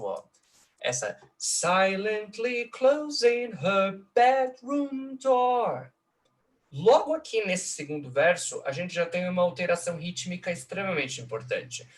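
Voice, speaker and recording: A man's voice: on the high side, a bit bright. A man giving an online lecture, explaining step by step and checking in with frequent tag questions. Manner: slows down and stresses syllables when tapping out rhythms. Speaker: host and lecturer. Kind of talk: online lecture analyzing song lyrics. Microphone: computer mic in a live video call.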